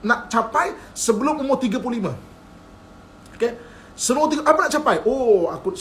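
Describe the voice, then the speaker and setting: A playful religious teacher with a Malaysian Malay accent lectures over livestream, often chuckling and asking if his listeners follow. His high voice has a fairly bright tone, and there's slight background noise.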